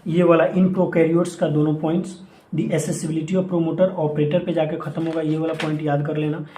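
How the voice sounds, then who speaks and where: A man's voice: fairly high pitch, level tone, normal speed, warm tone, slight background noise. A young man coaching students for an exam, giving casual, repetitive instructions and mixing English terms into his Hindi. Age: young adult. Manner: mixes English phrases into Hindi speech. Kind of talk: casual exam-prep lesson. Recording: echoey room.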